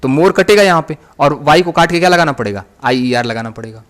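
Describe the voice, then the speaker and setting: A man's voice: a little high, animated, fairly quick, fairly bright tone. Hindi-speaking man teaching grammar. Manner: repeats each point and answers his own questions. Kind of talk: recorded online lecture.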